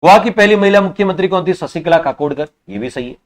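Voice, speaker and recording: A high-pitched man teaches an online exam-prep class, quizzing students and repeating each answer. At times he scolds them for answering slowly.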